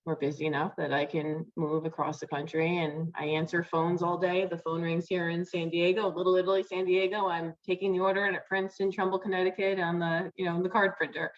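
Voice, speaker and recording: A woman's voice: fairly low pitch, flat delivery, fairly quick, hardly any pauses, lo-fi sound. A young adult woman, a florist guest on a video call, talking casually with many "like"s and "um"s. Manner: chatty, many fillers like "like" and "um".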